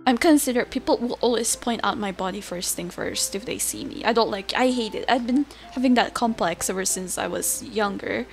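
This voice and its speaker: A woman's voice: medium pitch, sing-song, fairly quick, creaky, hardly any pauses, soft background music. A young woman chatting casually on a livestream as a VTuber, with a cutesy, giggly, self-deprecating manner. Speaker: VTuber streamer chatting with viewers.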